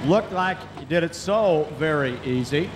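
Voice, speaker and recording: A man's voice: fairly high pitch, expressive, measured pace. A man announcing a tractor pull live in a folksy, colloquial way. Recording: echoing PA with engine noise.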